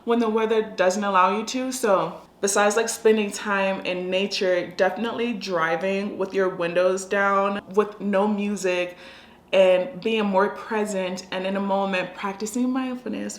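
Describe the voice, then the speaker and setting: An American woman giving casual lifestyle advice in a chatty, conversational vlog style. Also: medium pitch. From United States. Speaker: lifestyle vlogger. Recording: echoey room sound.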